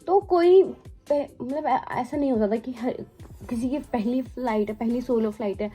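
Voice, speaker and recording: A woman's voice: a little high, normal speed. A young woman, a cabin crew member, casually telling a story in a chatty way, mixing English words into Hindi with many fillers. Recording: faint background music. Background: soft background music.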